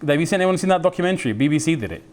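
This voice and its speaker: Lively British man preaching. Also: a little high, racing. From United Kingdom. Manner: lively, slangy, acts out quoted voices. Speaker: Islamic preacher. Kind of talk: religious talk.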